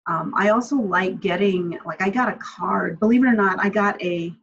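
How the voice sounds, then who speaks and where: A woman's voice: mid-range voice, normal speed, creaky, fairly bright tone, husky. A woman speaking from home on a video call, answering audience questions in a friendly, reflective way with frequent ums. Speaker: guest speaker. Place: home room, indoors. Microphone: webcam on video call. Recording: slightly muffled video-call audio.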